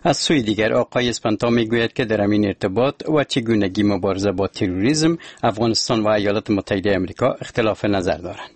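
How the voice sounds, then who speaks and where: A man reads radio news from a studio mic. His voice sits low and sounds dry and close, and he keeps a steady, formal delivery. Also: hardly any pauses, no echo. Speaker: newsreader. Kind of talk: scripted radio news reading.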